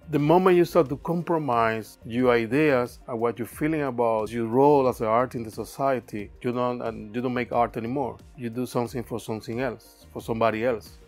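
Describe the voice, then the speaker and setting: With a mid-range voice and a Cuban Spanish accent, an artist born in Cuba muses on his creative work. He's thoughtful but halting, his grammar that of a non-native speaker whose first language is Spanish, and he's recorded in a cluttered indoor studio workshop.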